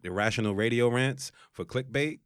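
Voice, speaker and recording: A man's voice: mid-range voice, normal speed, smooth, no room sound, clean studio sound. A man co-hosting a casual podcast chat, laid-back and slangy. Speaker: podcast co-host.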